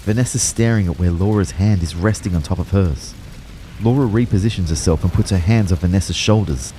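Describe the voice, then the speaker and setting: With a low voice close to an everyday one, a young man speaks fairly quickly over a little hiss or hum. He plays the anxious first-person narrator of an audio drama about his out-of-body ordeal, acting out dialogue too. The tone is tense and reflective, and his expressive delivery goes from hushed to urgently pleading.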